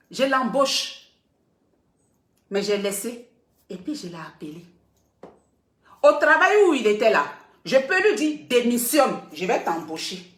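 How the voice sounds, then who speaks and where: A woman's voice: a little high, fairly bright tone. A middle-aged woman blogger talking casually to her viewers, emphatic and repeating points for stress. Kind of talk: casual live video talk. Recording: roomy echo.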